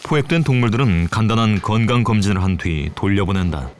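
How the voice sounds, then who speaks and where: A man reading scripted nature documentary narration in a measured, formal manner. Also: on the low side, lively intonation, slight background noise. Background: prominent background music.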